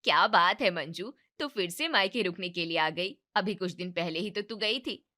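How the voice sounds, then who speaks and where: A woman voicing a timid, indulgent middle-aged mother who speaks in a hesitant, soft-spoken way in an animated story. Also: fairly low pitch, normal speed.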